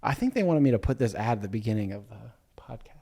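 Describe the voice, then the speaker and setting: A young man from the US Midwest co-hosting a podcast in relaxed, rambling chat, full of "um" and "dude". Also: lowish voice, fast talker. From Ohio, US. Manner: laid-back, rambling, lots of "um" and "dude". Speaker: podcast co-host. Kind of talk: casual chat.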